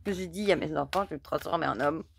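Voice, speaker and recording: A hoarse mother, chatting in a rambling way as she hosts an oracle card reading. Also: low voice, fast, a little hiss or hum. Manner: chatty and rambling, many fillers. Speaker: oracle card reader, channel host. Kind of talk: casual chat during a card reading.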